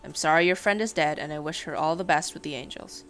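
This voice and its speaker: A woman voicing a calm, smooth-spoken stranger in red, reading aloud from a story. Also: deep voice, faint music behind. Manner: smooth and measured.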